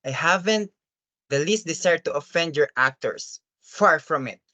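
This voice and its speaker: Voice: medium pitch, animated, a little slow, pushed and bright, no room sound. An earnest, troubled father from a stage play, as acted by a performer. He speaks formally and deferentially, hesitating and pleading. The sound is close and dry. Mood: courteous, troubled. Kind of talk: dramatic stage-play reading.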